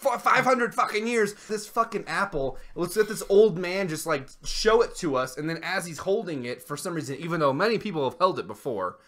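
A man's voice: on the high side, brisk, hardly any pauses. A tipsy man in his thirties giving a casual comedic movie review, ranting and swearing freely. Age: 30s. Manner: foul-mouthed, animated ranting. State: tipsy from drinking. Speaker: film reviewer and co-host. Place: small room indoors. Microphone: desk microphone.

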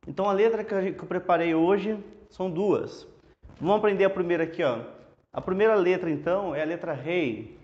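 Brazilian male teacher, fairly high voice, relaxed and chatty, walks through letters on a board, dull lo-fi sound. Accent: Brazilian Portuguese. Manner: relaxed, chatty, explains step by step. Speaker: Hebrew teacher. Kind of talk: casual lesson at a whiteboard. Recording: dull lo-fi classroom audio.

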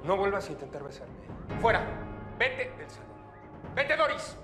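A man's voice: sits high, expressive, moderate pace. A man playing a patient male primary school teacher in a TV drama, talking earnestly, with a music score underneath. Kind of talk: TV drama acting.

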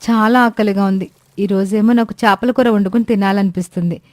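A woman's voice: medium pitch, fairly even intonation, a little fast, no echo, studio quality, lightly acted. A woman voicing a carefree young daughter-in-law in a cartoon story, chatty and easygoing. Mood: musing.

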